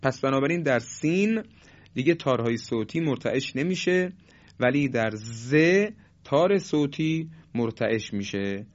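A man teaching a Quran recitation lesson, explaining letter sounds slowly and patiently in polite, formal phrasing with drawn-out examples. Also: medium pitch, expressive, muffled recording. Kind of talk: tajwid lesson on letter qualities.

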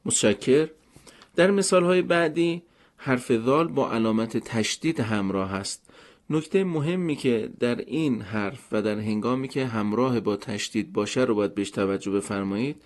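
A man teaching correct Quranic letter pronunciation in a polite, measured, step-by-step instructional manner. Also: medium pitch. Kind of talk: formal instructional talk.

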